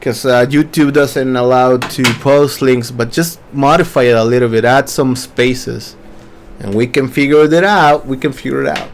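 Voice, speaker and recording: A man's voice: mid-range voice, normal speed, gravelly, background noise. A man hosting a casual live webinar, reading viewer questions aloud and answering them loosely with many fillers. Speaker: webinar host.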